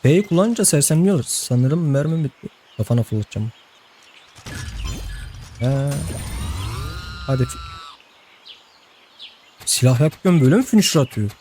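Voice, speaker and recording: A man's voice: a little high, animated, moderate pace, long pauses, mellow, slight background noise. A young man giving casual let's-play commentary, chatting to the game's characters and laughing often. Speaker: gameplay host.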